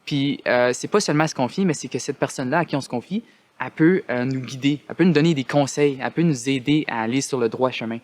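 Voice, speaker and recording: A young adult man from northern Ontario, with a Canadian French accent and a mid-range voice, gives an earnest personal testimonial as a student resident. He's hesitant, often pausing on "euh" fillers and restarting his phrases.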